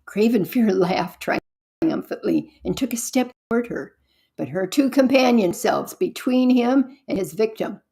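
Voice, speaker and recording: A woman pastor reading a story aloud and pausing for earnest, reflective comments. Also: fairly high pitch, lively intonation, creaky, warm tone.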